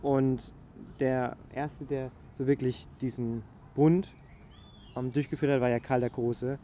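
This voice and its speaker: A man's voice: medium pitch, fairly even intonation, measured pace, warm tone, muffled recording, a little hiss or hum. A man in a casual study discussion, talking hesitantly with many fillers and restarts. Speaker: student discussing a historical document.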